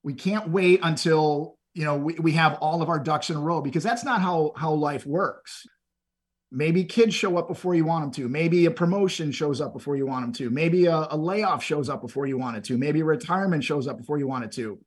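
Fairly high-pitched with a breathy edge, this middle-aged man from Texas talks fairly quickly as a podcast guest. He earnestly shares stories and motivational advice conversationally, tending to repeat words at the start of phrases.

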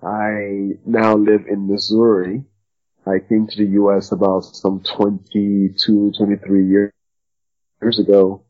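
A man from Liberia, a guest author, telling his story in a relaxed, reflective way over the phone. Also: on the low side, takes it slowly. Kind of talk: phone interview. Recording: dull phone line.

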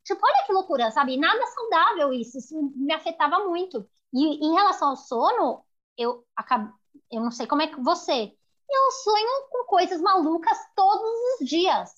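A woman's voice: extremely high pitch, big pitch swings, moderate pace, fairly bright tone, lo-fi sound. A woman from Brazil, a guest in casual chat, talking expressively and exclaiming as she goes.

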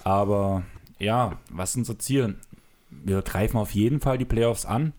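A man's voice: on the low side, measured pace, a little mellow. A man co-hosting a casual podcast who jokes and teases while pushing the conversation along with questions. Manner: teasing, joking, drives the conversation with questions. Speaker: podcast co-host. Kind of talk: casual basketball chat. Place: room with closed soundproof windows.

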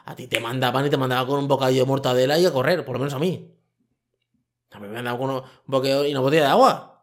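A man's voice: medium pitch, fairly even intonation, rapid-fire. A man, hosting a podcast as a colloquial, rambling opinion monologue into a microphone. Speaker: podcast host. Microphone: microphone with camera.

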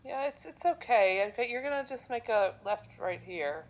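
A woman playing a wary high-voiced passenger. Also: animated, moderate pace, poor audio. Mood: uneasy. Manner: soothing, hesitant stammer. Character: wary young woman passenger humoring a stranger. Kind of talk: amateur radio drama. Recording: music playing underneath.

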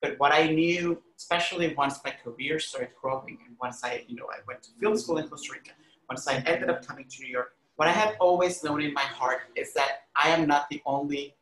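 Here the Honduran podcast guest, an arts critic and educator, has a voice on the high side with a fairly bright tone and a fairly quick pace. He recounts personal stories earnestly and emphatically in a conversational interview, frequently using "like" and "you know," on a low-quality recording with a roomy sound.

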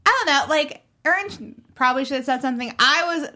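Bright chatty woman on a panel show, tells stories all animated. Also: high voice, fast talker. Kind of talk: casual panel chat.

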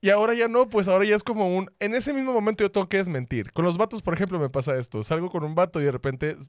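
Animated young Mexican man, slightly high voice. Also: quick pace, no echo, clean studio sound. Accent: Mexican Spanish. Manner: animated, acts out quoted voices, swears freely. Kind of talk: casual chat.

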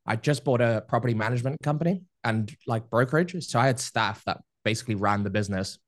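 A man in his thirties, a podcast guest, telling his life story in a relaxed, rambling way with many fillers. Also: medium pitch, fast, no echo, clean studio sound. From Spain. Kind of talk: casual interview storytelling.

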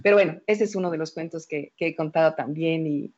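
A woman storyteller telling a fable in a lively, playful way, checking in with "¿no?" tags. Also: sits low, fairly quick, dull audio. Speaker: storyteller, guest.

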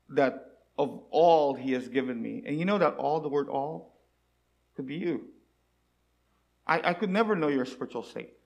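A man's voice: mid-range voice, gravelly. A man preaching a sermon, earnest and pleading, often asking his listeners rhetorical questions.

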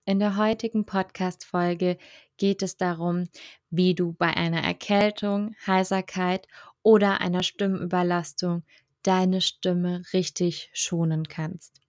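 Slow, gentle woman voice coach. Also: lowish voice, flat delivery, no echo, studio quality. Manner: slow, gentle, addresses listener directly. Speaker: speech and voice coach, podcast host. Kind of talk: calm scripted podcast advice.

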